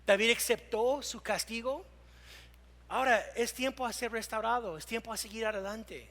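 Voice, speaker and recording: A male pastor preaching a sermon, slowing down to read scripture aloud and moving between loud emphatic lines and hushed ones. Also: extremely high pitch, long reverb tail. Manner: reads scripture aloud slowly.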